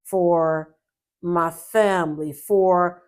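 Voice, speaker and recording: A woman's voice: fairly low pitch, fairly even intonation, very slow. A woman co-hosting a podcast in casual chat, who keeps affirming her partner, teases her and laughs easily. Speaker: podcast co-host.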